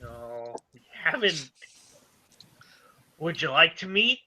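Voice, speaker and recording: A woman's voice: medium pitch, sing-song, moderate pace, bright, forceful tone, muffled recording, heavily acted. A woman voicing a volatile young woman with an unhinged wide grin and a sing-song, menacing way of talking. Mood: creepy sweet.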